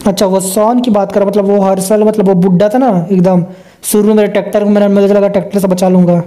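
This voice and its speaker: Young guy rambling n joking over a game, mellow darkish voice. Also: sits high, flat delivery, quick pace. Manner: chatty, joking, talks to himself. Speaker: gameplay commentator. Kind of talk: casual gameplay commentary.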